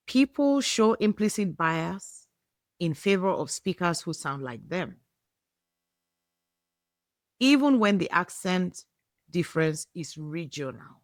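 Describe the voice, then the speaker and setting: A woman hosting a podcast, delivering scripted explanatory narration in deliberate, emphatic short phrases. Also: fairly low pitch, no echo, studio quality. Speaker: podcast host.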